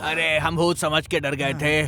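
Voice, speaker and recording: A man's voice: fairly high pitch, level tone, unhurried, lightly acted. An actor dubbing a boastful, bossy middle-aged man who plays detective in a dubbed comedy film. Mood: worried. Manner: bragging, bossy and bluffing. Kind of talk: Hindi film dub. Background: film score.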